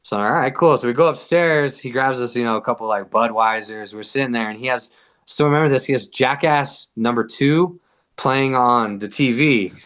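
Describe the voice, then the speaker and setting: A man's voice: medium pitch, normal speed, fairly bright tone. A man from the US–Mexico border region, a podcast guest, telling a story in a loose, slangy way, full of "like" and swearing. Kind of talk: casual storytelling.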